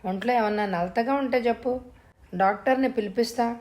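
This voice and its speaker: A woman's voice: a little high, moderate pace, darkish tone, lightly acted. Woman doing an anxious young husband. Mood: worried. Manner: urgent pleading questions. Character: anxious young husband, gentle, easily alarmed.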